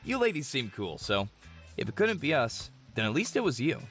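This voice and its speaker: An actor voicing a good-natured, easygoing young man who speaks in a relaxed, friendly way. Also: mid-range voice, normal speed, soft background music. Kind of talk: game voice acting.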